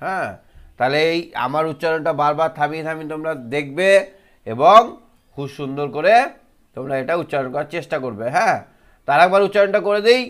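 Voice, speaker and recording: A man teaching an online lesson to first graders in a sing-song voice, slowing down to sound out words for the children. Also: a little high, fairly bright tone.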